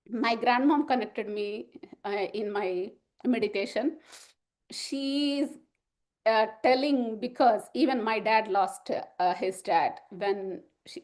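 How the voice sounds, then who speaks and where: Halting, emotional woman. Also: on the high side, darkish tone. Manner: emotional, halting, with many fillers and restarts. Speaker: spiritual group member sharing testimony. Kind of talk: personal testimony.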